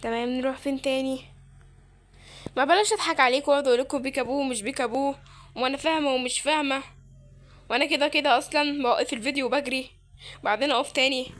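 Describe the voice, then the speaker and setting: A woman's voice: sits high, quick pace, long pauses, a bit bright. A woman with an Egyptian Arabic accent giving playful, chatty let's-play commentary and talking to her viewers. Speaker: gamer.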